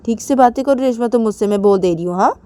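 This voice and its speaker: A woman's voice: expressive, normal speed, warm tone. A woman voicing a playful, insistent young woman who keeps questioning her partner in a raised voice. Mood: teasing, pleading. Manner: high-pitched, pleading, repetitive questioning.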